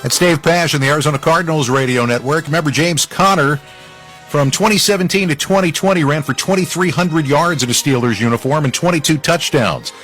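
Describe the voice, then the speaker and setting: A man's voice: a little high, a little fast, fairly bright tone, faint music behind. A man hosting a radio football roundup, narrating scores in a punchy, informal way with conversational asides. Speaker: sports radio highlights host.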